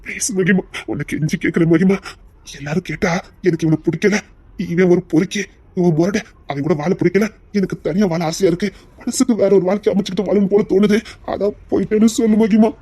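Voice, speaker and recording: A man playing a rough but remorseful husband who earnestly begs his wife to leave, in an audio drama. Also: high-pitched, steady tone, fast, dark tone, no echo. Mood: pleading. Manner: earnest, pleading, sorrowful. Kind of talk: Tamil audio story acting.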